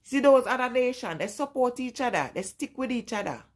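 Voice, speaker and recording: Talking directly to her live-stream audience, a Jamaican woman in her forties vlogs in a casual, emphatic style, hammering her points through repetition. Her accented voice runs on the high side, animated and a little fast.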